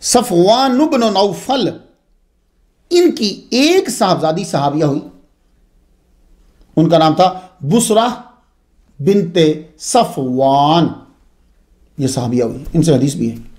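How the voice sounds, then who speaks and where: Slowly and with frequent pauses, a man with a slightly high voice lectures on religious history. His delivery is expressive and digressive, peppered with asides.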